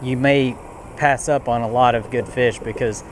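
A young fishing vlogger talks casually from a small boat outdoors, thinking aloud with many fillers. His voice is medium-pitched with fairly even intonation at normal speed, picked up by an action camera on the boat with slight background noise.

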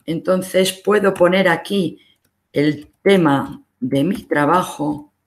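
A library instructor with a Spain accent leads a recorded online lesson. The delivery is slow and unhurried. Each step of the screen demonstration is explained patiently. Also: medium pitch.

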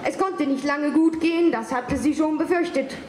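A woman from Switzerland performing comic spoken word on stage with wry, deadpan storytelling. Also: sits high, moderate pace, crowd noise. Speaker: poetry slam performer. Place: stage in a large hall. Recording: echoey hall with faint ambience.

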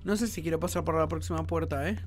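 A man with a Rioplatense accent commenting on a horror game, excitable and prone to shrieking at scares. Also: a little high, quick pace, faint music behind. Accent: Rioplatense Spanish. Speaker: gaming YouTuber.

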